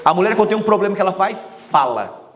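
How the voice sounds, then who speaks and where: A man giving a motivational talk, energetic and joking, speaking straight to the audience. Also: sits high, fast.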